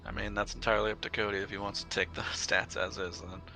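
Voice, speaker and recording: A man's voice: on the low side, little pitch movement, quick pace, pushed and bright, soft background music. A man chatting casually as a player in a tabletop game, explaining the rules and chuckling often.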